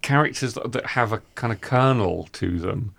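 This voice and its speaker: A man's voice: lowish voice, moderate pace, gravelly, a bit bright, dry recording. A man hosting a literary podcast, thoughtful and given to restarting his sentences as he talks about books. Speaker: podcast host. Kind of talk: literary discussion.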